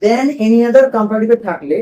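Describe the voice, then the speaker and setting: A man's voice: high-pitched, lively intonation, normal speed, warm tone, poor audio. A man teaching a grammar lesson to a class in a classroom, asking questions and repeating the students' answers.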